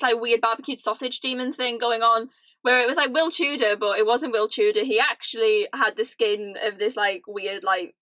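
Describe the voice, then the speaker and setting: A young British woman ranting casually to camera, animated and laughing often, with lots of "like". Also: on the high side, dry recording. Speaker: vlogger. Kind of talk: casual chatty rant to camera.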